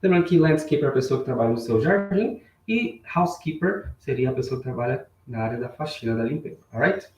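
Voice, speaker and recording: A man teaching a live online English lesson, switching between Portuguese and slowly spoken English phrases and greeting viewers in the chat. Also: medium pitch, lively intonation, a little mellow. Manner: bilingual, repeats English phrases slowly for learners. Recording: roomy sound, mic a bit far off.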